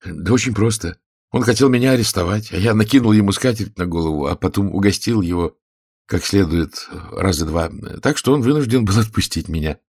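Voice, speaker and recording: Brief: man as offhand young man, low plain voice, audiobook. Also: lively intonation, brisk, darkish tone, slightly rough, no room sound, studio quality.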